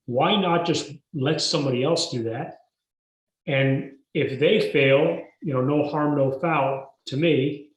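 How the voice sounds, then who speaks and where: A man, a guest telling his story in a podcast interview in a measured, emphatic way. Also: a little high. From Mexico. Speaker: guest entrepreneur. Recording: roomy echo.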